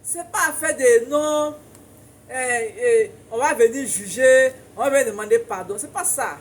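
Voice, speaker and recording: Emphatic high-voiced Ivorian woman. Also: slight background noise. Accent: Ivorian French. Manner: emphatic, preachy, laughs often, repeats for emphasis. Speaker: relationship advice commentator. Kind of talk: casual advice monologue to viewers.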